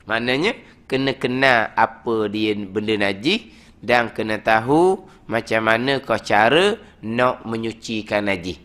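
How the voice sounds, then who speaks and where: In a lowish voice, the religious teacher leads his weekly study lecture in a prayer hall, keeping things lively and conversational and often saying "ha" as a filler.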